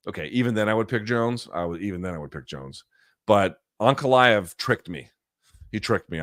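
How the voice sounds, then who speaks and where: This clean, echo-free studio recording features a middle-aged man with a fairly low voice. He runs a live chat, reads viewer questions aloud and fires back casual, blunt, profane answers full of animated asides.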